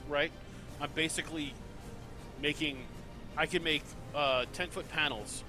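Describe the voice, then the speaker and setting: A man's voice: fairly high pitch, steady tone, a little slow. A man playing a tabletop game, casually explaining his moves. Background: clear music.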